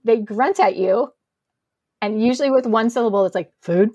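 A middle-aged woman chatting as a podcast guest, telling animated stories and acting out quotes. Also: on the high side, moderate pace, husky, dry recording, lo-fi sound. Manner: animated storyteller, acts out quotes. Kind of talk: casual chat.

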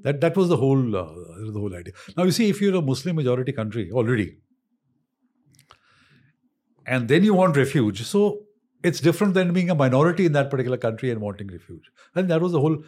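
Husky older North Indian man explaining. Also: medium pitch, sing-song, fast, a little mellow. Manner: emphatic, repeats points, switches into Hindi phrases. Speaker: interview guest, author on history. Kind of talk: conversational explanation with anecdotes.

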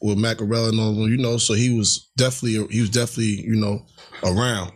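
A man's voice: lowish voice, steady tone, fast. A man, a rapper guest, talking in a slangy casual way and laughing a lot. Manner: slangy, laughing, talks over others. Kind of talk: casual chat.

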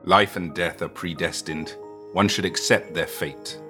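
A man voicing an ailing middle-aged scholar who speaks quietly and deliberately. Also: low voice, fairly even intonation, soft background music. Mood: calm. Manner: quiet, measured, weary.

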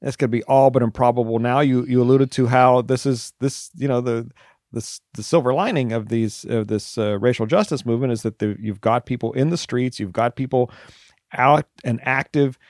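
A male interviewer who asks halting, wry questions full of restarts. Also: mid-range voice, darkish tone, no room sound, studio quality.

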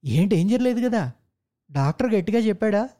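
A narrator playing a stern, quick-tempered middle-aged male office manager who scolds and commands. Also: medium pitch, lively intonation, dark tone, lightly acted. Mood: anxious.

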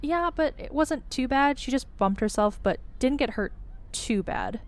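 A man voicing a caring, practical young pregnant wife who talks in a quick, homely way. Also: very high-pitched, lively intonation, voice pushed up.

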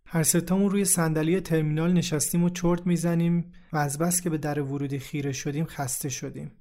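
A man narrating a first-person memoir in a steady, reflective way. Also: fairly high pitch. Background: faint background music.

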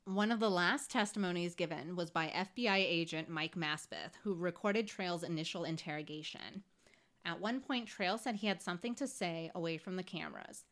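A woman with a slightly low voice narrates a true-crime case to her co-host. She talks conversationally, scattering fillers and wry remarks. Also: moderate pace, fairly bright tone. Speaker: podcast host.

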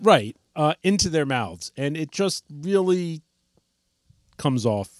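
Wry man with an animated voice. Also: on the high side, slow pace, dry recording, studio quality. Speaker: podcast co-host. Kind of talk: sarcastic comedic commentary.

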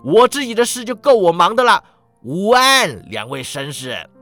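A man voicing a bitter, miserly old man who snaps out his lines in a high, loud voice. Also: very animated, normal speed, no room sound, faint music behind. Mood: scornful. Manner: snapping, high-pitched shouts.

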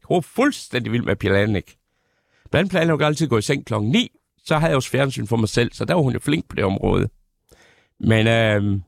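A middle-aged male stand-up comedian telling absurd stories in a deadpan manner, on a radio show. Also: mid-range voice, creaky, no echo, studio quality. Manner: deadpan storytelling with absurd punchlines.

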